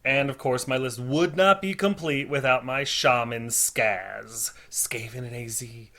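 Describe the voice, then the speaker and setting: A man's voice: mid-range voice, unhurried, pushed and bright. A man casually narrating a tabletop game report in a chatty, informal, self-deprecating way, recorded on a slightly distorted laptop microphone. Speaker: host of a tabletop wargame battle report series. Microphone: built-in laptop or monitor microphone.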